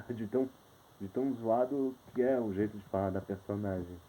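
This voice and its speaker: A man's voice: fairly low pitch, moderate pace, very noisy. A man with a Brazilian Portuguese accent giving a rambling, hesitant spoken film review, full of restarts.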